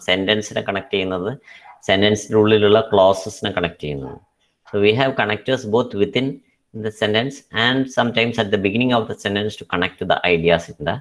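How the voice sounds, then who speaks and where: A middle-aged man with a Malayali accent teaching an English class. He talks very slowly and explains step by step, restarting his words often. His voice sits somewhat low. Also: a bit bright, low-quality recording. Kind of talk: lecture.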